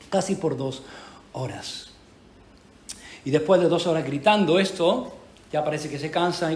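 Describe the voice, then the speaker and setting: A man preaching a sermon in church, animated, with rhetorical questions and emphatic repetition. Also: fairly high pitch. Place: church hall. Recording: echoey church hall.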